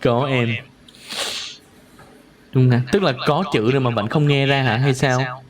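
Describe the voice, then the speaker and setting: A man teaching English pronunciation in a live online lesson. He drills words slowly and repeats them many times. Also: mid-range voice, steady tone, crowd noise.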